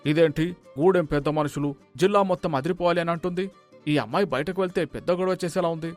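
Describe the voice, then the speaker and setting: A sly, worried householder in a cartoon story, voiced by a man. He talks fast in a raised voice, pleading and coaxing. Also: a little high, faint music behind, lightly acted.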